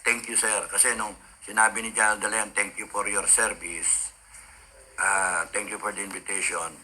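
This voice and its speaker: Guy going off on a rant, cursing, lots of uh fillers, bright sharp voice, sounds like a radio show. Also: lowish voice, little pitch movement, moderate pace, a little hiss or hum. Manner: heated, swearing, rambling with many fillers. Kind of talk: ranting monologue.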